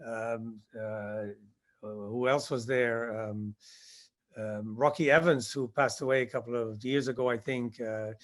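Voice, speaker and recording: A man in his sixties, born in Indonesia and working as a skydiving instructor, answers interview questions as a guest about his past. He recalls it haltingly with many fillers, speaking at a medium pitch in a steady tone.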